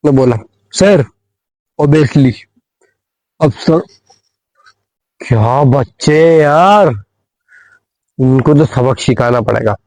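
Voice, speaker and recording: A man's voice: fairly high pitch, a little mellow, no echo, rough recording. Young man telling a rambling comic story. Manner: rambling, repeats phrases, many fillers. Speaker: vlogger. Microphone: phone.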